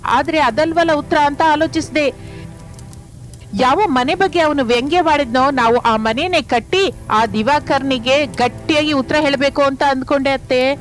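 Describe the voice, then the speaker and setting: A loyal young daughter-in-law from a cartoon story, voiced by a woman in an earnest, persuasive way. The voice sits high, with faint music underneath. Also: moderate pace, lightly acted.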